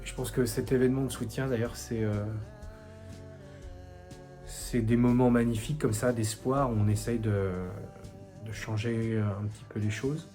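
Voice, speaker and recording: A man in his forties from France, a songwriter giving a recorded support message in a soft, hesitant way with many pauses. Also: medium pitch, fairly even intonation, soft background music. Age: 40s. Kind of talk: recorded video testimony.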